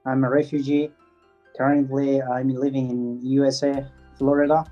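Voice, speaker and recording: A man's voice: medium pitch, flat delivery, soft background music. Hesitant Afghan man, dull lo-fi sound. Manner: halting, many fillers and restarts, non-native phrasing. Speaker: interviewee, swimmer. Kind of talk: interview answers.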